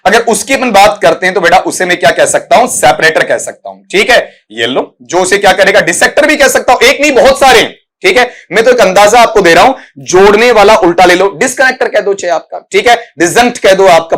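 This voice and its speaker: A man's voice: high voice, fairly bright tone. A male English teacher giving an exam prep lesson, calling students "beta" and checking "theek hai?" after each point. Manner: explains pronunciation slowly, syllable by syllable.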